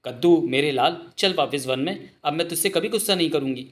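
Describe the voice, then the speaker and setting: A man's voice: fairly high pitch, brisk, close to an everyday voice. A man voicing a fussy, doting mother elephant in a comic dub. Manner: fussy, coddling. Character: lovesick mother elephant, poor-sighted, doting.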